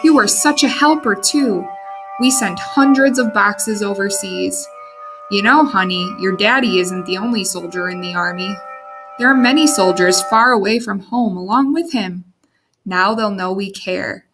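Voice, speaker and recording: A woman reading a storybook, voicing a gentle grandmother soothing a child at bedtime. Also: mid-range voice, unhurried, over music, natural voice. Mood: tender. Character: kind grandmother, warm and gentle.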